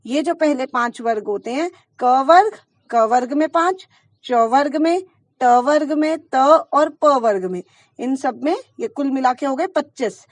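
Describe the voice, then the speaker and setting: High-voiced woman teaching grammar. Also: a little slow, no room sound. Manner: explains patiently, asks the class questions and answers them herself. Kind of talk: Hindi grammar lesson for schoolchildren.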